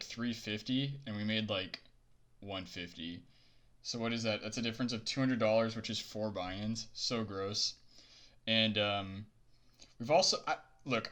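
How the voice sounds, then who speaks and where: A young man chats casually to the camera about his poker bankroll, rambling in a laid-back way with plenty of fillers and sounding a little winded after a workout. His voice sits on the low side, bright and forceful.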